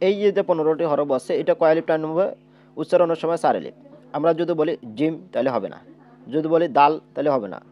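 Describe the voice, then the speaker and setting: A man with a fairly high voice teaches letter reading as a Quran teacher, step by step. He puts questions to his viewers and answers them himself, and he stretches out each sound he demonstrates. The recording sounds dull and lo-fi. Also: animated, fast talker.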